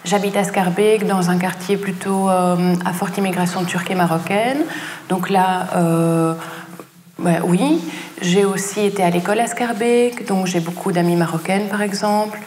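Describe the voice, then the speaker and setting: A woman from northern Italy answering interview questions in a calm, reflective way. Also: lowish voice, moderate pace, a little hiss or hum. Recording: echoey room with long reverb.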